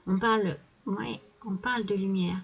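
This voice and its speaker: A woman's voice: medium pitch, fairly even intonation, normal speed, vocal fry, husky. A woman giving a casual tarot reading to her viewers, chatty and hesitant, full of fillers and restarts. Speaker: tarot reader. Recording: dull lo-fi home recording.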